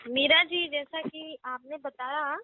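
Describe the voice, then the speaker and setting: A woman's voice: high voice, fairly even intonation, slow, no room sound. A woman co-hosting an interview, polite and formal, adding her own similar story. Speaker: co-host interviewer. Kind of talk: radio interview. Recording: tinny phone line, dry.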